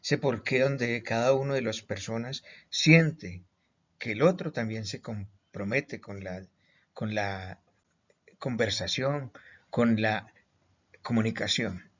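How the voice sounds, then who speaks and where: A man from Colombia, his voice lowish and fairly bright, takes his time through a recorded online lesson. He emphasizes every point with questions and repetition, and the lo-fi audio is a bit muffled.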